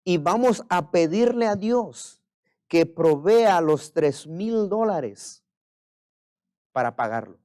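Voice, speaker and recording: A male pastor preaching a sermon, moving between hushed personal storytelling and loud, impassioned preaching. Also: sits high, lively intonation, slow, no echo, studio quality.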